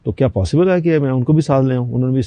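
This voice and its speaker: On a talk show, an older Pakistani guest with a medium-pitched voice brings a personal story to life by voicing its characters. The audio has no echo, and its highs are cut off.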